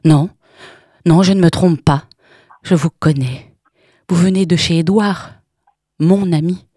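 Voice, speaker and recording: Woman putting on a harsh, loud jealous woman. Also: on the low side, slow, husky, no echo, studio quality. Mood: furious. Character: coarse jealous young woman, mocking and hostile. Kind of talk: audiobook reading.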